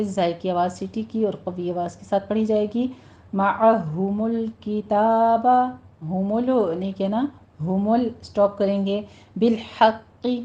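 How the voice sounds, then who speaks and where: A woman's voice: medium pitch, dark tone, lo-fi sound. A woman teaching Quran recitation rules, patiently repeating and correcting how each sound should be said. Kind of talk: tajweed lesson with slow recitation.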